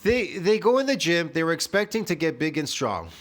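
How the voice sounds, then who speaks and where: A fitness video host in his fifties rants from home in a reaction video, his fairly high voice very animated and brisk. He is scornful and profane, constantly throwing in "man" and "bro."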